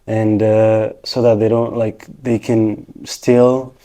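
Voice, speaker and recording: Very dark-voiced man. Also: on the low side, flat delivery, slow pace. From Rwanda. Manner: patient, explanatory, steps through points one by one. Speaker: interview guest, technician and financial professional. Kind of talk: casual interview answers.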